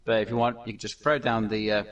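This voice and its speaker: A man's voice: lowish voice, flat delivery, quick pace, a bit bright, distant mic. A man hosting a casual gameplay commentary, talking in a rambling way with many fillers and restarts. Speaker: gaming channel host.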